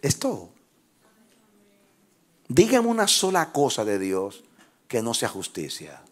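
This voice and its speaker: A man preaching a sermon as pastor, who leads his congregation in call-and-response and rises into shouted, half-sung phrases. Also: mid-range voice, wildly swooping pitch, slow. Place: church with congregation.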